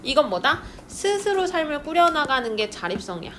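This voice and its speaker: A young woman teaches a chatty, lively lesson, slipping into quick acted-out scenes as she explains. Her voice sits a little high. The recording carries clear background noise. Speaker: Korean literature teacher. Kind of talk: classroom lecture. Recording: noisy room recording.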